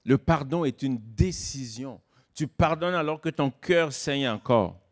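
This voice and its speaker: Preaching man, loud then hushed. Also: lively intonation. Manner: swings between loud emphatic stresses and hushed low asides; slows down to stress key words. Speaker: guest pastor. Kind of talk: sermon.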